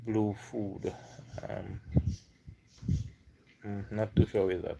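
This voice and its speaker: A man's voice: lowish voice, takes it slowly, creaky, a little hiss or hum. Laid-back Trinidadian man on a livestream. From Trinidad and Tobago. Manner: relaxed, reads comments aloud. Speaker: livestream host. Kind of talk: casual livestream chat.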